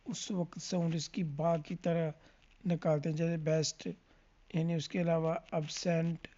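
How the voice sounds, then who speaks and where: With a dark, level, mid-range voice, an English phonics teacher teaches letter sounds in class. The lesson runs on questions they pose and then answer, with frequent check-ins with the listener. The high frequencies are cut off.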